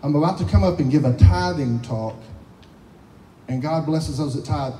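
A man, a pastor telling a lively testimony story to his church, laughing often as he talks. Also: fairly high pitch, slight background noise. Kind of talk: sermon testimony. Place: church sanctuary. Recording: echoey hall, from far off.

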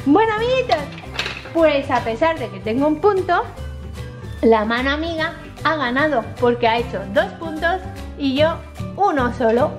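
A woman with a Spain Spanish accent hosting children's toy videos in a playful, exclamatory, squeaky sing-song manner. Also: lively intonation, normal speed. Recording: music behind the voice.

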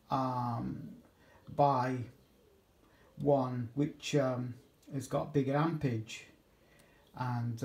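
An amateur radio hobbyist vlogger gives a casual, unscripted demonstration in his home kitchen, filmed on a handheld phone in an echoey room. His mid-range, darkish voice rambles hesitantly, and he corrects himself as he goes.

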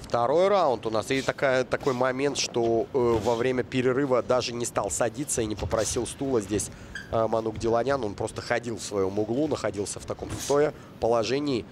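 A man's voice: medium pitch, a little fast. A man giving live sports commentary as a boxing co-commentator. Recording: arena crowd noise behind voice. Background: boxing crowd.

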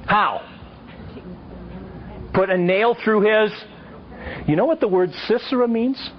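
Guy teaching a crowd, higher voice, tells stories and quizzes people, muffled lo-fi sound. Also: slow. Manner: lively storytelling, quizzing the audience. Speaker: Bible teacher. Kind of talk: teaching to a live audience. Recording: dull lo-fi recording.

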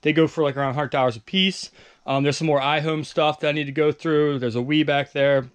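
Male vlogger, slightly high voice, casual rambling walkthrough, basement stockroom. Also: steady tone, brisk, smooth. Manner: loose, rambling, many fillers. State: out of breath. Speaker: online reseller vlogger. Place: home basement storage room.

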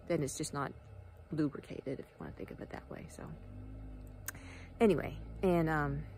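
A woman in her forties who works as a wellness guide talks loosely into her phone camera at arm's length beside a travel trailer on a ranch, full of fillers and occasional whispers. Her voice is low and gravelly, a touch mellow, at a normal speed.

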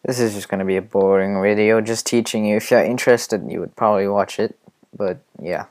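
A man giving a casual screen-recorded animation tutorial, rambling and hesitant, often muttering quiet asides to himself. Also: lowish voice, steady tone, fairly quick.

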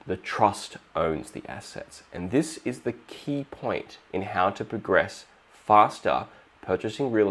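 A man with an Australian accent hosting a finance video, explaining step by step and acting out short exchanges with the bank. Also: lowish voice. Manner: steady explanatory, acts out little dialogues. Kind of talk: explainer monologue.

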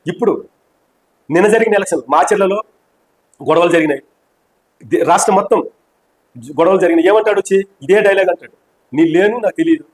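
A man's voice: high voice, a little fast, pauses often, poor audio. A man in a heated political interview, speaking as an opposition party member in a fiery, mocking and combative way.

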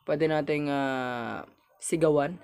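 A man's voice: on the high side, steady tone, slow pace, a little mellow, smooth. A young man with a Filipino accent giving casual commentary while playing a horror game, chatting with viewers and yelping when startled.

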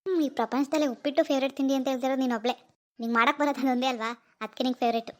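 Lady voicing a young cartoon guy, easygoing husband, talks super fast. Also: sits high, fairly even intonation, close to an everyday voice. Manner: fast, chatty, reassuring. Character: young village husband, easygoing, jobless and broke. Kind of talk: cartoon voice acting.

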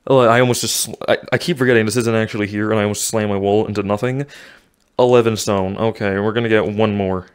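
Young male gamer, winded, talks himself through VR play in a lowish voice; self-narrating, exclaiming. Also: steady tone, fast talker, clear, resonant tone. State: out of breath. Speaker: gaming YouTuber. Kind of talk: VR gameplay commentary. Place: home room with desk.

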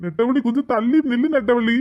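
Woman voicing a fast, bossy husband. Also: a little high, lo-fi sound, pitched below the performer's own voice, lightly acted. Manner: bossy, calls out and orders. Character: bossy young village husband, mama's boy. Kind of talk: cartoon comedy voice acting.

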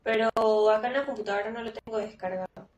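A young Peruvian woman streams a game from a computer indoors, chatting casually with viewers in a Peruvian Spanish accent, reading chat aloud and exclaiming at herself. Her slightly high voice moves fast. The room is echoey and the audio sounds dull.

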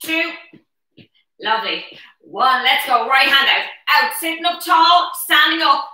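Counting reps in short bursts, a bright, high-voiced woman coaches a live chair-exercise class, sounding energetic and encouraging but a little slow. The camera mic sits a few metres off in her brick-walled living room, so the sound is roomy and echoey.

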